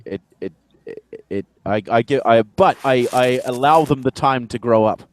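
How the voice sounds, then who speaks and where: A man's voice: mid-range voice, moderate pace. A man in his twenties chatting casually with friends, rambling with lots of fillers and restarts and swearing freely. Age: 20s. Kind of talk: casual group chat.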